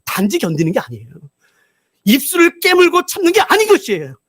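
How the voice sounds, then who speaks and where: A male pastor giving a broadcast revival sermon, telling a story in an animated way and acting out the voices of its characters. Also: very high voice, a little fast, no echo, clean studio sound.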